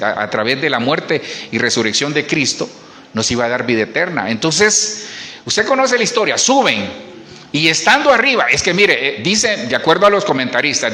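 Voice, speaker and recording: A man's voice: medium pitch, sharp tone. A man preaching a sermon as pastor, talking to the congregation in a conversational way with asides and restarts. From Colombia. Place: church.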